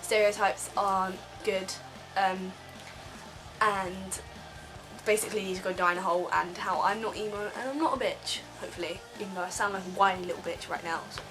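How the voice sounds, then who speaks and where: A woman's voice: medium pitch, steady tone, brisk, music in the background, low-quality recording. A teenage girl ranting casually in a vlog from her bed, rambling with lots of ums. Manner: rambling, filler-heavy, frequent ums. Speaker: vlogger.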